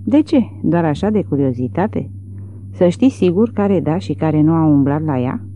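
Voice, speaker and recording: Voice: mid-range voice, expressive, mellow. A reader voicing a cold, shrewd father in his sixties who answers with dry mockery, on tinny phone-like audio. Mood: mocking. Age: 60s. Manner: dry, mocking retorts. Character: sardonic sixty-year-old father, cold and shrewd.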